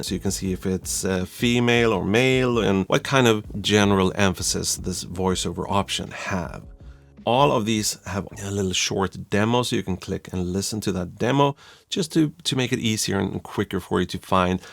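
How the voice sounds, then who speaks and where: A man from Sweden, reviewing software in a chatty, self-deprecating tutorial style. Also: on the low side, normal speed, gravelly. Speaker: YouTube reviewer. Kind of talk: casual tutorial talk.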